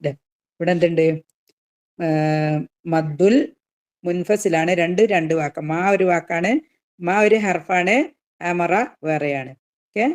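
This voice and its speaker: A woman teaching Tajweed rules of Quran recitation in a lesson, asking her students questions and answering them herself, now and then reciting words slowly. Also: deep voice, a little mellow. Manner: slowly drawn-out recitation of verse examples.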